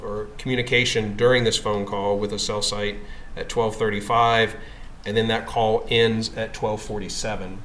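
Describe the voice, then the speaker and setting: Low, flat-toned man testifying in echoey room. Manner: measured, formal, matter-of-fact. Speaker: witness presenting records in court. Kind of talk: courtroom testimony with slides. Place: courtroom. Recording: echoey room with background noise.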